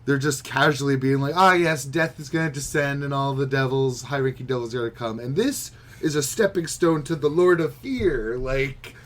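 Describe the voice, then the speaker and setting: A male podcast co-host chats casually about manga, musing and opinionated, and swears freely. His voice is medium-pitched and a bit bright, at a moderate pace with hardly any pauses, over slight background noise.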